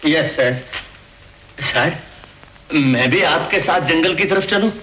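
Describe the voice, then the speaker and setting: An actor playing a nervous, fawning middle-aged underling who stammers and keeps saying "yes sir", in 1950s film acting. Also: male voice, on the high side, takes it slowly, rough recording. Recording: old film soundtrack with loud music.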